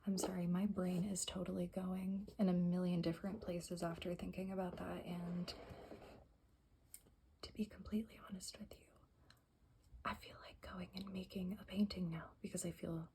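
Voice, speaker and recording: A woman whispering softly in an ASMR style, reading aloud and rambling with self-correcting asides. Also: on the low side, little pitch movement, moderate pace. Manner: whispering and very soft-spoken. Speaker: ASMR creator. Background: faint music playing for plants, background hiss.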